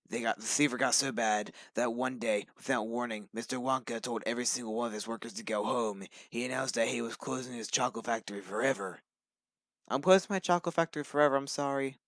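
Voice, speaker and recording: A man's voice: mid-range voice, fairly bright tone, dry recording. A young man reading a story aloud to friends on a phone call, hammy and playful.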